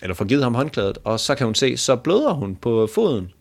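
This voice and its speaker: A man's voice: mid-range voice, big pitch swings, gravelly. A man casually retelling an embarrassing date story to a co-host, joking crudely and laughing along. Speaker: podcast host.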